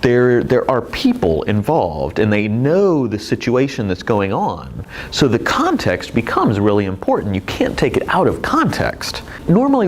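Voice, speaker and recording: A man's voice: mid-range voice, slight background noise, rough recording. A man teaching presentation skills in a video lecture, explaining expressively with demonstrations. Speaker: presentation instructor.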